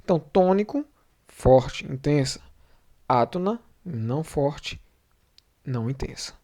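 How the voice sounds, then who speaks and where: A man with a Brazilian Portuguese accent teaching a video lesson, repeating key terms and slowing down to spell out syllables. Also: on the high side, animated, warm tone. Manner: repetitive, slows down to spell out syllables and endings.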